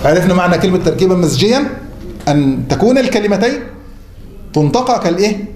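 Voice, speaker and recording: In a classroom or mosque hall with roomy acoustics and faint noise, a man with an Egyptian accent teaches at a quick pace. His high-pitched voice has lively intonation and a darkish tone, and he keeps asking students questions that he then answers himself.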